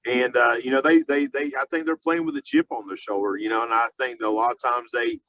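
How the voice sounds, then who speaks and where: A male football coach talks through an unscripted sports interview. His voice sits at an average pitch, and his sentences come haltingly, padded with fillers and doubled-back phrases. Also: steady tone, a bit bright. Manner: halting, filler-heavy, repeats and restarts phrases often. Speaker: high school football coach being interviewed.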